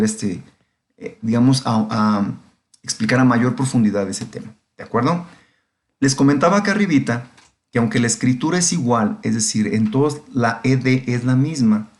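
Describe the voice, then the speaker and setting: Patient male English teacher. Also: medium pitch. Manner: patient, repeats "¿de acuerdo?" to check understanding. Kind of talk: classroom lecture explaining grammar.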